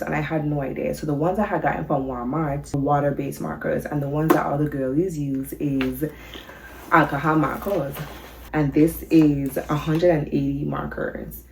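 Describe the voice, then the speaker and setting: A woman's voice: low voice, gravelly, darkish tone, a little hiss or hum, rough recording. A young woman with a Virgin Islands accent, chatting nervously and casually to camera in her first vlog about her coloring hobby. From Saint Thomas, U.S. Virgin Islands. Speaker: coloring vlogger. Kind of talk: casual first-video introduction.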